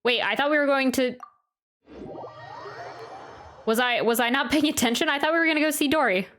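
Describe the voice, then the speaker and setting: Chatting casually while reacting to a game, this woman streamer rambles and stammers, thinking out loud. She sounds high-pitched and brisk with a fairly bright tone, over faint game music and slight background noise.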